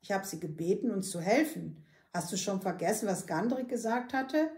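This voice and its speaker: A woman reading the lines of a young boy adventurer in a children's book, in an earnest, gently pleading way. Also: mid-range voice, expressive, moderate pace, roomy sound, close to an everyday voice.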